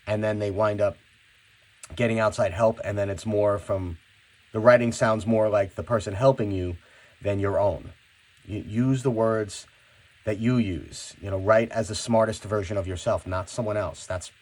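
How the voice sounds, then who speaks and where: A fairly low-voiced male teacher chats students through wrapping up and reviewing their class project in an instructional classroom video, frequently repeating words at the start of his sentences.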